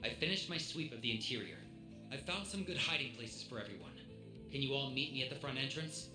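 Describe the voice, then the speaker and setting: An actor voices a caller hiding behind a voice changer app, his voice coming out as an ordinary man's. He delivers a calm, matter-of-fact report in a middle register. The sound is echoey and carries game music underneath. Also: mid-range voice, brisk. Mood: calm deceptive. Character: disguised caller faking a gang member's report. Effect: voice changer app disguising the speaker's voice.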